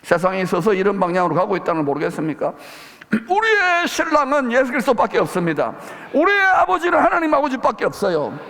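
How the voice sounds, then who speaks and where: A man's voice: high voice, sing-song, fast, a bit bright, big-room sound. A man preaching a sermon as pastor, making emphatic declarations. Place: church sanctuary.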